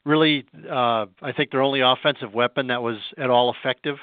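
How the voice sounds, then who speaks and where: A man's voice: mid-range voice, fairly even intonation, smooth, no echo. Man on a tinny phone line. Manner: plainspoken, unhurried, thinks aloud. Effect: heard over a phone line. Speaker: sports writer guest. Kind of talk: casual phone interview.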